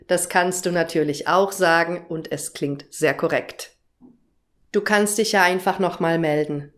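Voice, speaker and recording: A young woman teaching German, explaining everyday phrases and their pronunciation with example sentences. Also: on the low side. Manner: slow, clear explanatory delivery with example phrases.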